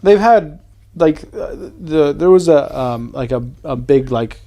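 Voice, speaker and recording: Playful young man with a higher voice. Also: expressive, unhurried, gravelly, dark tone. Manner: self-deprecating, playful banter. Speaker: podcast co-host. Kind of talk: casual chat.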